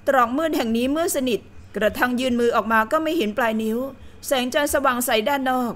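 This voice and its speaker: Woman reading a novel out loud, steady storytelling, kinda high voice. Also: fast. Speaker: audiobook narrator. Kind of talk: scripted novel narration.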